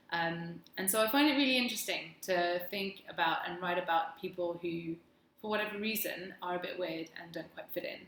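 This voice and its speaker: A woman with a plummy English accent chats casually as a video blogger, rambling in a wry, self-deprecating way. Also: fairly low pitch. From England. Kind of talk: casual chat to camera. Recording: echoey room, faint background noise.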